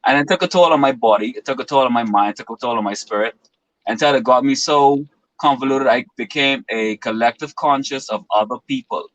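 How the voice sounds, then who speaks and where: A man's voice: mid-range voice, a little fast, fairly bright tone, dry recording, poor audio. A man in his twenties from the Bahamas, talking as a guest in an earnest, philosophical way with long winding explanations. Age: 20s. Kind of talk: reflective interview talk.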